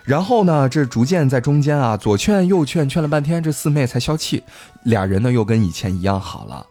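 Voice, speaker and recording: Husky playful male storyteller. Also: medium pitch, fairly quick, soft background music. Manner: lively, playful, joking with co-hosts. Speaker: podcast storyteller host. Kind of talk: casual storytelling chat.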